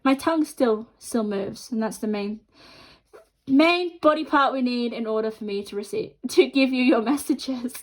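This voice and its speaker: A woman with a fairly high voice hosts a chatty tarot card reading, addressing viewers directly. She talks with half of her mouth numb from the dentist. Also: normal speed, poor audio. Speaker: tarot card reader and host.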